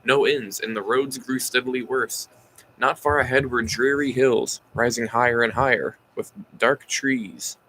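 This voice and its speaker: A tired man reading a novel aloud at a mid pitch, in a casual amateur audiobook style. He sighs often, trips over words and goes back to fix them. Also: fairly even intonation, unhurried, bright, forceful tone, slight background noise, rough recording. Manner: sighing, stumbling over words and correcting himself.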